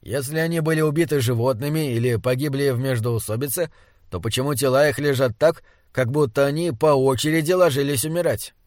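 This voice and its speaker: A man's voice: mid-range voice, fairly quick, a little mellow, no echo, studio quality, natural voice. A man voicing a thoughtful adult male traveler who reasons aloud through questions. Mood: puzzled.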